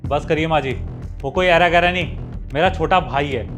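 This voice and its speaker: A man's voice: on the high side, moderate pace, a bit bright, faint music behind, lightly acted. A man playing a protective son-in-law who firmly rebukes his wife's mother. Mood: reproachful. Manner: firm, reproachful. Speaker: husband character. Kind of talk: family drama acting.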